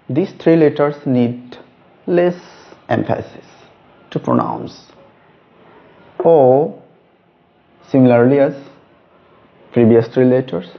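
A man teaching a lesson on letter names, speaking slowly and stressing each letter. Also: mid-range voice, vocal fry. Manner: slow, deliberate, stresses each letter name. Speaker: English teacher. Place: room with a whiteboard. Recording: dull lo-fi recording.

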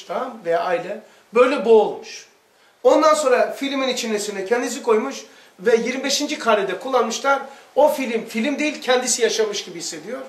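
Male religious teacher, high voice, animated storyteller, recorded from a distance in an echoey room. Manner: animated, acts out dialogue in quotes. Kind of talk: lively storytelling lesson.

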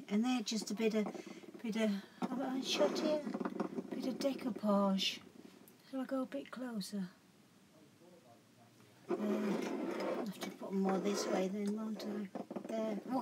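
Against a noisy background, a medium-pitched woman casually presents her handmade crafts at home as a craft vlogger. She chats and rambles, fixing her own words as she talks.

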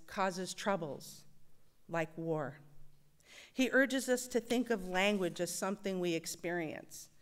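A woman serving as worship associate, giving a thoughtful, measured personal reflection with touches of wry humor in a church service. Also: medium pitch, clear, resonant tone. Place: church sanctuary.

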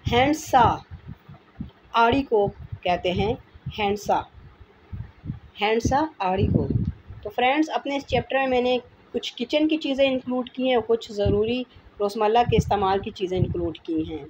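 In a noisy home recording, a teacher gives a vocabulary lesson at a normal speed. Her voice sits on the high side, and she patiently repeats each word while explaining it.

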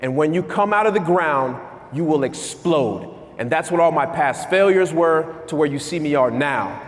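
A man in his thirties giving an energetic motivational keynote on stage in a large conference hall, asking the crowd questions. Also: a little high, normal speed. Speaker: keynote speaker. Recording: long hall reverb.

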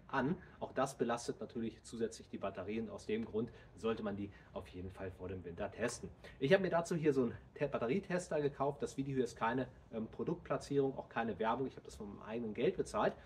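A man in his thirties talks viewers through a car task in a steady, explanatory way, speaking directly to them. His voice sits at an ordinary middle pitch. He was recorded outdoors in a home driveway, with faint ambient noise behind him. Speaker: DIY car channel host. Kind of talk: casual how-to explanation.

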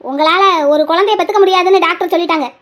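Woman doing a bossy old village granny, super high voice, talks fast and won't budge. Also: fairly bright tone. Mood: stern. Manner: firm, scolding, rapid delivery. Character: stern stubborn village grandmother, fiercely protective. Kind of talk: hobby drama dialogue.

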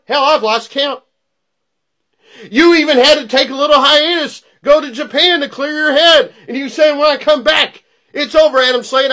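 A middle-aged man delivering a wrestling promo, a theatrical, taunting monologue that moves between low menace and loud intensity. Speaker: pro wrestling personality cutting a promo. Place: small plain indoor room.

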